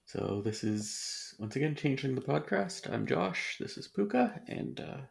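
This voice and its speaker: A man co-hosting a podcast in casual chat, often halting and rephrasing mid-sentence. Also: mid-range voice, sing-song, vocal fry. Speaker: podcast co-host.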